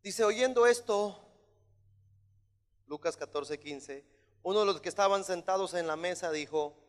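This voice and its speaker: A man preaching a sermon as pastor, emphatic and at times shouting. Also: a little high, normal speed. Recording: long hall reverb.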